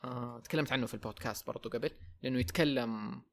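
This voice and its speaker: Young man, rapid podcast host, rambles and repeats himself, mid-pitched voice, mixes english in. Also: fairly even intonation. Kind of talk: casual podcast chat.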